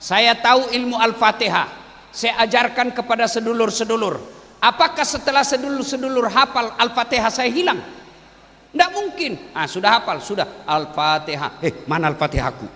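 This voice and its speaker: Speaking at a normal pace with a big-room sound, a man preaches a humorous sermon to students. He tells stories animatedly, acting out the characters with big pitch swings.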